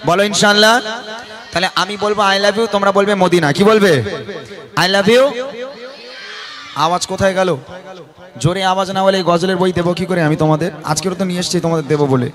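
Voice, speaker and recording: Hoarse man teasing a crowd. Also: sits high, fairly even intonation, fast talker. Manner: teasing, coaxing, urging the crowd to shout. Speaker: gojol singer addressing a crowd. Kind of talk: live crowd call-and-response. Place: outdoor religious gathering with stage. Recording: live with loud music behind.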